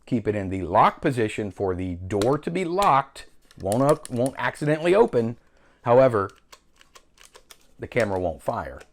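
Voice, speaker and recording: Male tutorial host, lively intonation, chatty and self-correcting, demonstrating gear. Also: mid-range voice, normal speed, slight background noise. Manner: chatty, explains while handling a camera, self-correcting. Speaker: filmmaking channel host.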